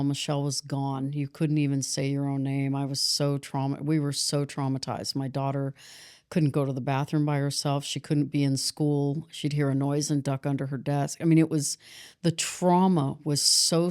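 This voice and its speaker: A middle-aged woman, a podcast guest and author, telling a painful personal story in a halting way, often restarting and getting emotional. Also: low voice, darkish tone.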